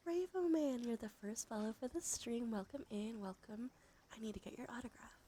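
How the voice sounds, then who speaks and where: Speaking softly into a close microphone over background music, a woman streamer keeps up a chatty ASMR livestream that keeps slipping into whispers. Her voice is fairly high, breathy and creaky, and though unhurried she moves at a moderate pace; there's slight background noise.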